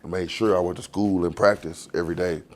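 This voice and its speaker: A man's voice: low-pitched, fairly even intonation, fast, darkish tone. A man, telling his life story in a loose, rambling, profane way in an interview. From Texas. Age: 40s. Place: outdoors on the street.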